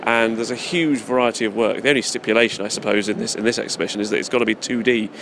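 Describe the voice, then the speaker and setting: A man's voice: lowish voice, steady tone, rapid-fire. A man with a British accent giving a casual, enthusiastic, rambling interview as an event organiser. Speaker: festival organiser, interview guest. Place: busy public exhibition space in city centre. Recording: noisy public space, urban background din. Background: people and urban ambience.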